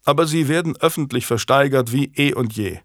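A proud, stubborn young nobleman in an audiobook, speaking curtly and holding himself in check, as a male narrator reads him. His voice sits at an ordinary male pitch, dry and close to the mic. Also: a little fast, a bit bright, no echo, lightly acted. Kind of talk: audiobook character voice.

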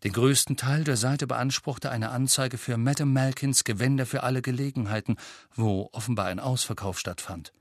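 A man reading a fantasy novel aloud as narrator, with steady storytelling. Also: mid-range voice, normal speed, dry recording, clean studio sound. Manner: steady storytelling, lively for dialogue. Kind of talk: audiobook reading.

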